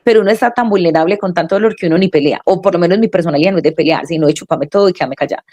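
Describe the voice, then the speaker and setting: Talking very fast in a low-leaning voice, this adult mother shares a personal story during an interview. She's lively throughout and performs the dialogue of everyone she quotes.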